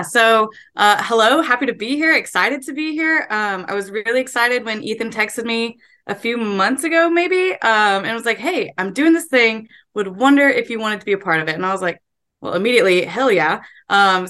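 A woman's voice: a little high, moderate pace, sharp tone. A young woman who is a guest voice actor on a podcast, chatting upbeat and friendly. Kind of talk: casual interview chat.

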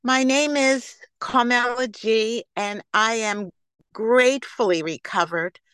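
A woman in her seventies with a New York accent, sharing her personal story slowly on a video call, with restarts. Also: on the high side, smooth, no room sound, low-quality recording. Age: 70s. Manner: slow, warm-hearted, halting with restarts.

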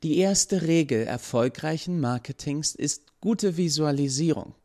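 A man voicing an enthusiastic businesswoman in a secret order, delivering a sales pitch. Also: expressive, measured pace, mellow. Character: eager businesswoman cult member.

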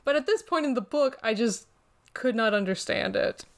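Sarcastic, giggly higher-voiced woman. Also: lively intonation, moderate pace. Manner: sarcastic, exasperated, laughs a lot. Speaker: book club podcast co-host. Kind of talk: casual book discussion.

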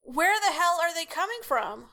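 A woman's voice: extremely high pitch, big pitch swings, normal speed, bright, forceful tone, heavily acted. A woman playing a radio call-in show host, casual and skeptical with her callers. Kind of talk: late-night radio call-in acting.

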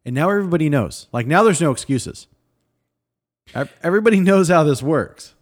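A man's voice: a little high, animated, fairly quick. A man in a casual discussion who speaks bluntly, with a sarcastic edge.

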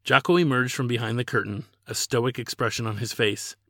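Brief: male author narrator, mid-pitched, measured, dead-dry booth sound. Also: sharp tone, no room sound. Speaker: author reading his novel. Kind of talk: audiobook narration.

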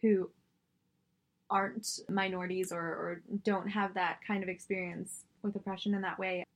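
A woman's voice: mid-range voice, flat delivery, moderate pace. A woman from Singapore talking in a casual conversation as a co-host. She sounds reflective and fills her speech with "like". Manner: reflective, many "like" fillers. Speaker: podcast co-host.

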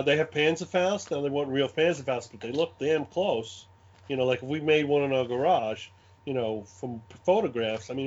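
Rambling Brooklyn man, slightly high voice. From Brooklyn, New York. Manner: animated, rambling, repeats phrases. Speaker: guest, game scenario designer. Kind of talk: casual chat, anecdotes. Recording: dull lo-fi audio.

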